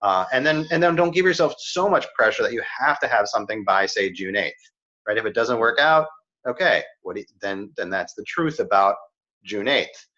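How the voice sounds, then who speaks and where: A middle-aged career coach chats casually about careers in a lowish, animated voice with a sharp tone, speaking at a moderate pace. He's earnest and keeps checking in with "right?" and "you know." The audio is slightly dull and muffled.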